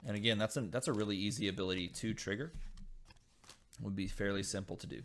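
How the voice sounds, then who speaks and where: Guy with a really low voice opening packs, reads card text out and thinks out loud, lots of uhs. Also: fast talker, a little hiss or hum. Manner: reads card text aloud and muses on it, with frequent uh fillers. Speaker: channel host opening dice game packs. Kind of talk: casual unboxing commentary.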